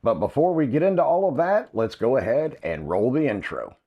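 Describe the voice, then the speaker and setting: A man unboxing and reviewing a camera lens, explaining in a relaxed way with frequent ums and uhs. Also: mid-range voice, a little fast, highs cut off, over music.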